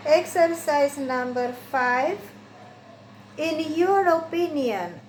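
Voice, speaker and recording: A woman with a high voice, a native Romanian speaker learning English, reads textbook exercises aloud slowly and carefully and answers them. The room has an echo, and a faint hiss runs in the background.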